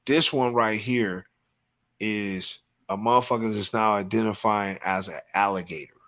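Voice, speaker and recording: A man's voice: on the low side, fairly even intonation, normal speed, a bit bright. A man hosting a live show, talking in casual, profane, emphatic banter. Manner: profane, emphatic, repeats "you know what I'm saying". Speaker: podcast host.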